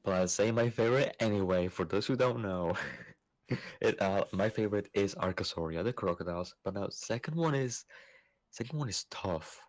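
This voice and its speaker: A Spanish man with a Spanish accent chats easily on a gaming livestream, his voice fairly low, expressive and moderately paced. He's easygoing, chuckles often and sometimes trails off mid-thought.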